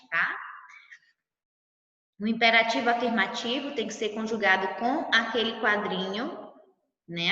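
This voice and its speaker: A woman's voice: mid-range voice, bright, forceful tone. A woman with a Brazilian Portuguese accent, teaching a class and checking in with her students. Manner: explanatory, checks in with "tá?" and "né?". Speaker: Spanish teacher. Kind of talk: recorded online class lesson. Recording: distant mic, roomy dull sound.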